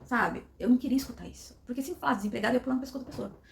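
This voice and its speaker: A woman's voice: on the high side, very fast, vocal fry, a little hiss or hum. A middle-aged woman, telling a personal story with emotion and acting out the dialogue. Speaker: vlogger.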